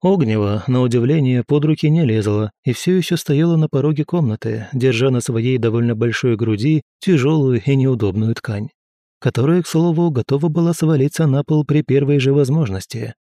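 A man narrating an audiobook in the first person with a steady, measured reading. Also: mid-range voice, dry recording, clean studio sound.

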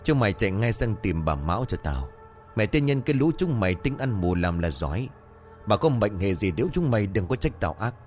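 A man's voice: on the low side, very animated, fairly quick, faint music behind. A man voicing a frantic, pleading rich village landlord in a told horror story. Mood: harsh. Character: panicked rich landlord man, domineering then desperate.

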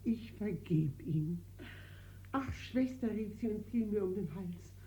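An anxious, protective older sister. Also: female voice, mid-range voice, animated, takes it slowly, dark tone, slight background noise, rough recording. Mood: moved. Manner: urgent, emotional. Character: anxious married sister protecting her sibling. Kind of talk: 1940s radio acting.

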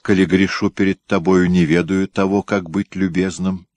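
A man's voice: deep voice, flat delivery, normal speed, no room sound, lightly acted. Man voicing a timid, meek young prince. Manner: soft, pleading, deferential.

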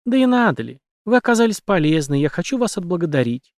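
Man playing a soft-spoken female killer, composed, menacing, lively raised voice, dry close sound. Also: sits high, fast, dry recording, voice pushed up. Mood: calm menace. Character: cold calm female killer, young woman.

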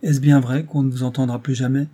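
A man voicing a smooth, flattering gentleman in an audiobook, sly and tender. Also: medium pitch, fairly quick, voice pushed up, close to an everyday voice.

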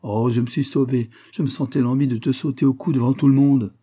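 A man's voice: mid-range voice, fairly even intonation, brisk, warm tone, husky, natural voice. A man voicing a young woman in love, reading her lines with impassioned, breathless devotion in an audiobook. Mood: ardent.

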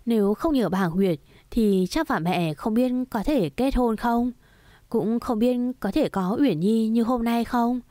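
A woman voicing a gentle, patient middle-aged mother who soothes her daughter in a storybook reading, with a soft coaxing tone and a dry recording. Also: on the high side, a little slow, dry recording, close to an everyday voice. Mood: recounting.

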